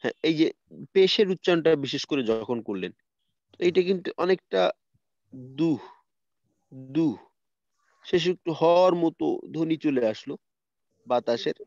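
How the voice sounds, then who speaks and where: A man's voice: a little high, lively intonation, normal speed, a little mellow, dry recording, dull audio. A man teaching a tajweed lesson over a video call, patiently repeating letter sounds for his students to copy. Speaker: Quran recitation teacher.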